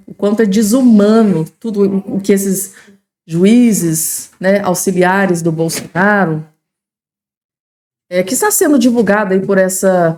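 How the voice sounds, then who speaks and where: A woman's voice: medium pitch, a little mellow. Emphatic Brazilian woman commentator. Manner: emphatic, repetitive, uses colloquial tags. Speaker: news commentator. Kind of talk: informal commentary addressed to viewers.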